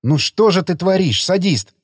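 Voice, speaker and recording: A man's voice: high-pitched, lively intonation, normal speed, dry recording, studio quality, voice pushed up. A man voicing an angry scolding woman, a nurse, in an audiobook, hissing and lecturing.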